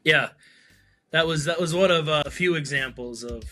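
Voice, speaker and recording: A man casually telling a travel story, animated and laughing between lines. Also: a little high, moderate pace, faint music behind. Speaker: co-host.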